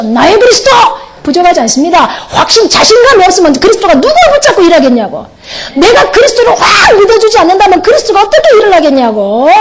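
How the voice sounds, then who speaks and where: A middle-aged pastor's wife giving a lively testimony sermon, laughing often and mimicking other people's voices. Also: female voice, very high-pitched.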